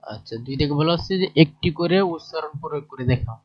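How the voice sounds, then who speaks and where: Man teaching from a textbook, slightly high. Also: fast talker. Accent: Bangladeshi Bengali. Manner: plain explanatory talk with fillers and checking questions. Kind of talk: lesson, reading through a textbook. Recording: dull lo-fi recording.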